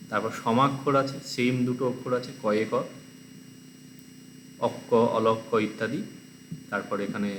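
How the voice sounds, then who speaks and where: A man's voice: mid-range voice, fairly bright tone. Man drilling pronunciation in an echoey room. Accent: Bengali. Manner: slow, careful word-by-word pronunciation drills. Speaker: teacher. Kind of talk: exam-prep lesson, reading word lists aloud. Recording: echoey room, faint background noise.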